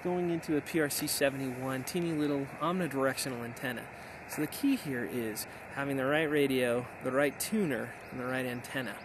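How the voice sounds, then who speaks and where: Speaking a little fast and with hardly any pauses, a medium-pitched middle-aged American man wraps up his thoughts in an enthusiastic, casual way. He's an amateur radio operator vlogging outdoors in hilly backcountry, and outdoor noise runs under the recording.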